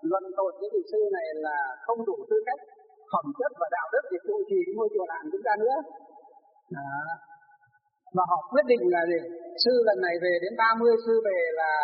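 A man with a Northern Vietnamese accent, a Buddhist monk telling a rambling, anecdotal story in a conversational sermon. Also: sits high. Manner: rambling, anecdotal, tags phrases with "đấy". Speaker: Buddhist monk giving a dharma talk. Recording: tinny phone-like audio, long hall reverb, faint music.

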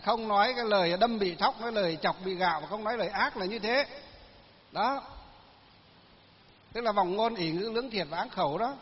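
Monk, highish voice, rambling folksy sermon, echoey hall, dull lo-fi sound. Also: male voice. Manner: folksy storytelling, many fillers, laughs at own tales. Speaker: Buddhist monk. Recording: lo-fi recording with long hall reverb.

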